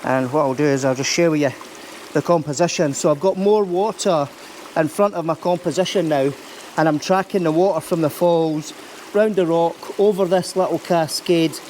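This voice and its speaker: A man's voice: fairly high pitch, normal speed, a little mellow, slight background noise. A man with a Scottish accent giving a chatty, casual outdoor vlog commentary, explaining things as he goes. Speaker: YouTube vlogger and landscape photographer. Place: outdoors by a stream under a bridge.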